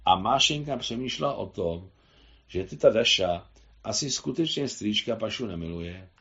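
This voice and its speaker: A man reading his own translation of a novel aloud in a measured literary delivery, on a slightly dull recording. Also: mid-range voice.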